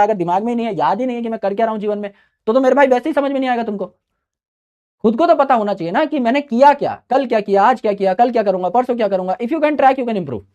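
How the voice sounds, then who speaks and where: With a high, darkish voice caught on a muffled recording, a male coaching teacher gives students casual study advice. He's chatty and brotherly, regularly checking in with "right?"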